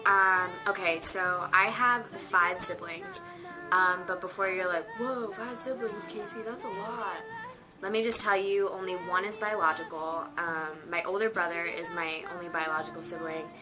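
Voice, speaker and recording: A woman's voice: on the low side, steady tone, normal speed, music in the background. A nineteen-year-old woman chatting casually to camera from her bedroom, rambling with lots of fillers. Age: teens. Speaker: vlogger. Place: her bedroom on a rainy day.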